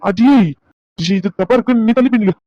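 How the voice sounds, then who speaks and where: A man's voice: very high-pitched, fairly quick, mellow, no room sound. A man playing a bossy teasing young doctor. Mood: scolding. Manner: teasing, scolding banter. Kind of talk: dubbed serial drama. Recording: dull dry recording.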